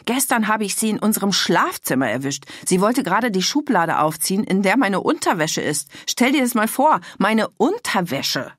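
Storybook mum, middle-aged, suspicious and outraged, read by a woman; low husky voice with fry. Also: lively intonation, normal speed, no echo, clean studio sound. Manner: agitated, voice cracking with outrage. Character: indignant middle-aged mother, gossipy and suspicious.

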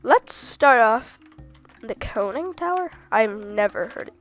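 A woman's voice: on the high side, a little slow, soft background music. Sick woman chatting through gameplay. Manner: chatty, rambling, with sudden excited exclamations. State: sick with a cold. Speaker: gaming video host. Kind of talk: casual gameplay commentary.

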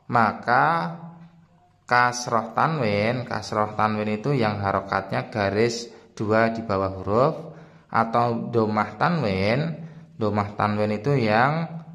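A man teaching a reading lesson step by step, explaining patiently and chanting the examples in a drawn-out tune. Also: medium pitch, fairly bright tone.

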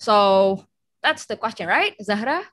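A young woman tutors English in a casual online training session over a video call, switching between Indonesian and English and explaining with everyday examples. Her mid-range voice is animated and fairly bright, her pace slow.

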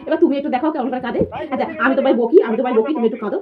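A woman's voice: sits high, rapid-fire, loud music behind the voice. A young woman playfully coaxing her little son to sleep in a sing-song, cooing, teasing voice at bedtime. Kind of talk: playful baby talk at bedtime. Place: bedroom at night. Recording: dull lo-fi phone audio with background noise.

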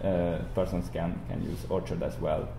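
Giving a software screencast tutorial, a young adult man speaks in a low, gravelly voice with level tone, halting and repeatedly rephrasing himself. He's in an indoor room beside a screen recording, captured with roomy echo and audible background noise.

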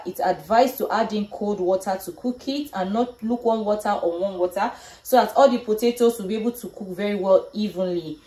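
A woman's voice: mid-range voice, mellow. A middle-aged woman casually explaining each cooking step to the camera in her home kitchen, recorded by a camera across the room. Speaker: cooking vlogger. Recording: echoey kitchen, faint noise.

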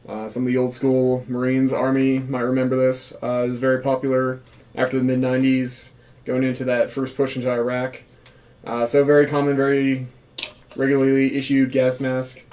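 Male vlogger, casual reviewer, mid-pitched with flat intonation. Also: moderate pace. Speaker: gas mask reviewer, former Marine. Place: small room indoors.

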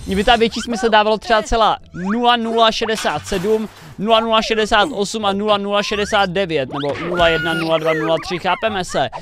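A young man hosting a reaction video in casual commentary, excitable and quick to shout warnings, often repeating himself. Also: high voice, background noise. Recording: loud music under the voice. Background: the animation's music.

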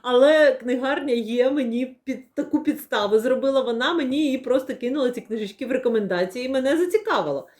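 A woman's voice: high-pitched, animated, quick pace, few pauses, darkish tone. A young woman chatting casually as she unboxes and shows new books, with many fillers and playful laughs. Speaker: book vlogger. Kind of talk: casual book unboxing chat.

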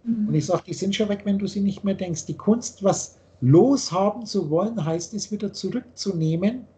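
The speaker is an older spiritual teacher calling in by webcam from a home office. In a high, warm voice at a normal speed, he lectures insistently on spiritual matters and gestures a great deal.

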